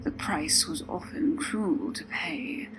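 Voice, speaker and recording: A woman storyteller giving a scripted narration with a soft, dramatic delivery that often drops to a whisper. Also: lowish voice, very animated, takes it slowly, gravelly, poor audio. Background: music.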